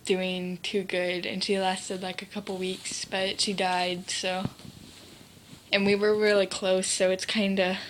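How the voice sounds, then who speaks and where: A teenage girl vlogs casually to camera on a handheld device, telling a rambling, sidetracked story packed with fillers while near tears. Her voice is medium-pitched and flat at a measured pace, with a little hiss or hum.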